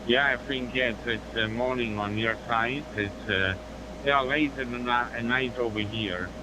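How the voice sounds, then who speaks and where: A man's voice: mid-range voice, measured pace. A man from northwest Germany with a German accent making amateur radio contact, hesitantly phrasing and spelling out call signs over a two-way radio. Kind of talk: ham radio contact chat. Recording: noisy digital handheld radio transmission.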